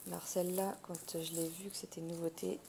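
A craft unboxing host chats casually at a wooden table indoors, thinking aloud in a gravelly voice with vocal fry. Her pitch is fairly low, her tone level and her pace brisk. Handling clicks and crinkling plastic can be heard in the recording.

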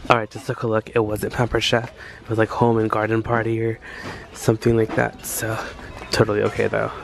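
Over music, a man with a fairly low, creaky voice talks a little fast while vlogging casually on a thrift trip. Holding the camera in a store aisle, he gushes excitedly over his finds and chats to himself as he narrates.

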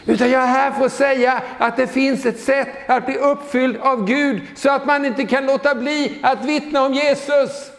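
A man in his sixties giving a lively charismatic sermon, exclaiming hallelujah and joking with the congregation. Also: very high-pitched, few pauses. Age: 60s. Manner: exclamatory, peppers talk with hallelujahs, joking asides. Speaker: guest preacher. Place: church sanctuary. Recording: echoey church hall with long reverb.

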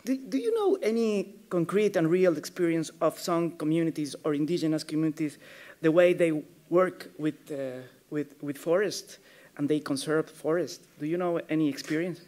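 A man asking questions as interviewer, halting and repeating words as he starts. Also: a little high, darkish tone.

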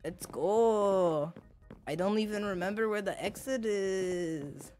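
A woman's voice: mid-range voice, normal speed, a little mellow. A woman giving casual, goofy, rambling commentary while playing a video game. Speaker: gaming video host. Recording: game music behind.

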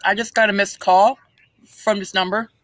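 A man's voice: high-pitched, level tone, normal speed, a bit bright, dry recording. A teenage boy chatting casually outdoors as he calls spam numbers back to bait scammers. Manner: screening and baiting spam calls. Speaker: scam-baiting video maker. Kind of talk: casual prank calls and chat to camera. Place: outdoors beside a brick house.

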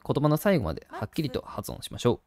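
A man's voice: medium pitch, huge pitch swings, quick pace, a little mellow. A man hosting a gaming channel, chatting casually and doting on a virtual puppy while reading the game text aloud.

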